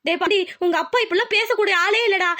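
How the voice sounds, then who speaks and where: A kind village mother in a cartoon, fretting over a family quarrel, voiced by a woman. Her voice is very high and the words come quickly, in a pleading, anxious manner. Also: bright, forceful tone. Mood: fretful. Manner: pleading, fretful. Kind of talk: cartoon voice acting.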